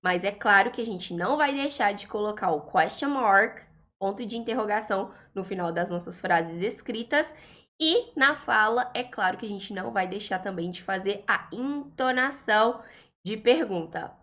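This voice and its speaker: A woman's voice: medium pitch, animated, a bit bright. A woman from Brazil with a Brazilian Portuguese accent, teaching English in an online lesson and patiently explaining grammar. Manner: slow, patient explaining, stretching out English examples.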